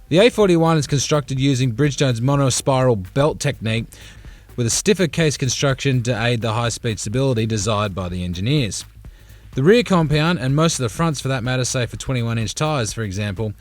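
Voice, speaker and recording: A man reads a scripted voice-over, measured and steady as he works through technical detail. His pitch sits in an ordinary middle range, with a clean, even delivery. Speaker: motorcycle tyre reviewer.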